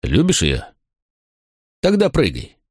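A man's voice: medium pitch, wildly swooping pitch, slow, darkish tone, breathy edge, no room sound, clean studio sound, voice pushed up, heavily acted. Macro, a man voicing a blunt, furious Roman centurion. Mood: cold. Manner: blunt, harsh, clipped commands.

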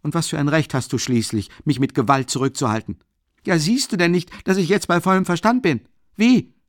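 A man's voice: fairly high pitch, brisk, dry recording, studio quality, pitched above the performer's own voice, lightly acted. A man reading an audiobook, voicing a sick, bitter young man who pleads to be left alone. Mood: frantic pleading. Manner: quiet at first, then frantic pleading.

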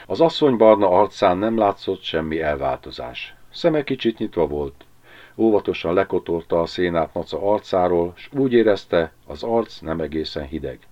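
A man narrates an audiobook in a very low voice, telling the story in an expressive, measured way. His intonation rises and falls in lively swings. The recording sounds slightly dull and muffled. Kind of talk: audiobook reading.

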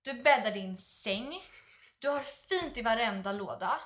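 Woman podcast cohost, gushy storyteller, swears casually, high bright voice. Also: animated. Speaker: podcast co-host. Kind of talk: casual chat.

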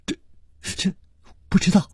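A man voicing a sorrowful young masked woman who speaks in a hushed, faltering way. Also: medium pitch, sing-song, normal speed, breathy edge, no echo, studio quality, voice pushed up. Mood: hesitant.

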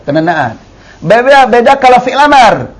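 A man with a very high-pitched voice and big pitch swings teaches an Arabic grammar class at a measured pace, with an Indonesian accent. He explains patiently, repeating key terms and drawing out each word he demonstrates.

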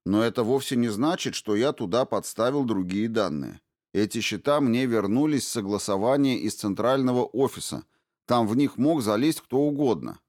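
A man voicing an evasive male fund official who answers questioning with indignant, smooth denials. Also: medium pitch, expressive, normal speed, a little mellow, no echo, studio quality, lightly acted. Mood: defensive.

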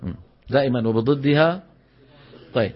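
A man's voice: medium pitch, moderate pace. A man with a Levantine Arabic accent teaching Quran recitation, chanting verse lines and drilling syllables aloud. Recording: dull lo-fi lecture recording.

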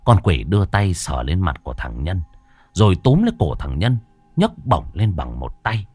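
A man narrating a horror story in a dramatic, drawn-out storytelling manner. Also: sits low, huge pitch swings, a little mellow, husky, no room sound, faint music behind.

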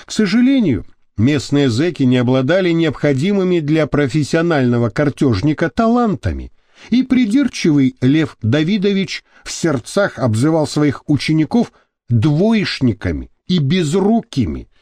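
A man narrating an audiobook in a lively, expressive way. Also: a little high, moderate pace, no echo, studio quality. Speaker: audiobook reader. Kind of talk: scripted narration.

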